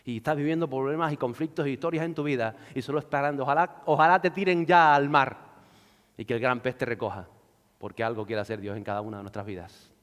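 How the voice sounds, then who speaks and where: A man preaching a sermon who swings from loud shouts to hushed lows and acts out the voices of the figures he reads about. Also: quick pace, big-room sound. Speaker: pastor.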